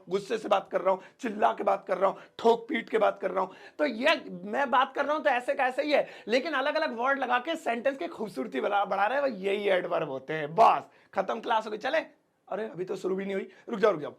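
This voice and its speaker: A man's voice: sits high, gravelly, a bit bright. A young man teaching English grammar in a casual, joking way, stretching out the example words. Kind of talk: casual video lesson.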